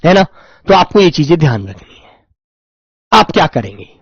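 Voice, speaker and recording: A fairly high-voiced male teacher leads an online lesson, stretching out each phrase as if dictating and repeating it several times over. His pitch rises and falls lively while he calls his students "my dear children". The recording is dry and slightly muffled. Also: husky, no room sound. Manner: slow, drawn-out dictation with many repetitions, addresses students as "my dear children". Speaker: Hindi teacher. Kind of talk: online exam-prep lesson.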